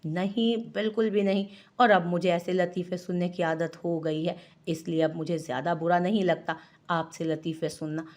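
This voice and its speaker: एक महिला कथावाचक एक तंज़ कसने वाली, हाज़िरजवाब युवा पत्नी की आवाज़ पढ़ती है।. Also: female voice, lowish voice, steady tone, normal speed, darkish tone, lightly acted. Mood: mocking. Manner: mocking, sarcastic. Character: witty young wife, sharp-tongued. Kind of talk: audiobook character voice.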